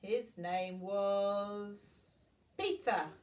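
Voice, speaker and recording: An older woman, drawing out her words at a medium pitch, reads a story aloud to young children with grandmotherly bedtime expressiveness and small asides to them. She sounds far from the mic, in a room with noticeable echo.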